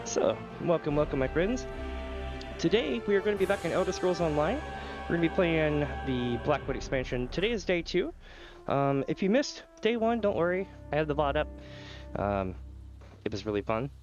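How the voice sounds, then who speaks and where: A man hosting a gaming livestream in a casual, animated, rambling storytelling manner with dramatic asides. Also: fairly high pitch, fairly quick. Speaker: livestream host. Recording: slightly dull livestream audio with music behind. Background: background music.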